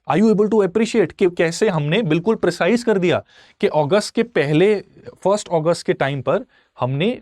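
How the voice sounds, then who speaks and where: Teacher with a higher voice. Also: male voice, a little mellow, no echo, studio quality. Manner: mixes English phrases into his speech, asks "theek hai" often. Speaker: exam coaching teacher. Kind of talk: explaining answer writing in a lesson.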